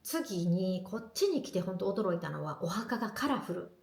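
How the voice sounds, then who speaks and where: A woman talks casually to her camera, her storytelling lively and chatty. Her voice has a slightly gravelly texture at a mid pitch. The room around her is echoey. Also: normal speed. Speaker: vlogger.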